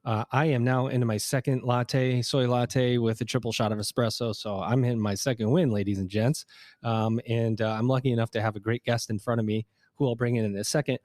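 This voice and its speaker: Energetic man hosting a podcast. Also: mid-range voice, no echo, clean studio sound. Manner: energetic, joking, fast-talking. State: out of breath. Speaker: podcast host. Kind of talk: conference podcast interview. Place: conference hotel.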